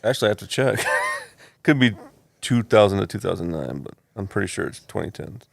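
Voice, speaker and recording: A man co-hosting a podcast in casual chat, laid-back and a little hesitant, with a gravelly voice. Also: on the low side, lively intonation, brisk, no room sound, clean studio sound. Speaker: podcast co-host.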